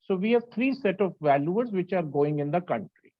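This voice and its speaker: A man's voice: high voice, expressive, normal speed. Male lecturer, North Indian accent, insistent and explanatory, repeats himself; dull, muffled recording. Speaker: lecturer, registered valuer. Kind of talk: explanatory lecture with audience questions.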